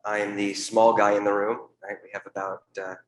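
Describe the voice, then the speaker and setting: A young man, a family office investor, speaks as a panelist at a conference, giving candid, casual remarks and often repeating words. His voice sits on the low side with a level tone and a slightly fast pace. The recording comes from an echoey conference room with a live audience and a faint hum.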